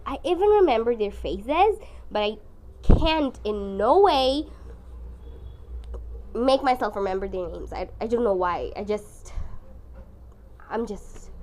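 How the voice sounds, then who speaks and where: A woman's voice: mid-range voice, a little slow, long pauses, a little hiss or hum. A young woman with a congested, strained voice from the flu, chatting casually and expressively as she narrates her painting. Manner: expressive, dramatic, self-deprecating. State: sick with flu. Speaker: art vlogger.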